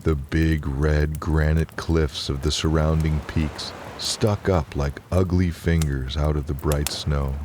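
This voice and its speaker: A man narrates guided relaxation and bedtime tales in an exceptionally deep voice. His delivery is slow, calm and soothing, never hurried. A faint bed of waves and crackling fire sits behind him.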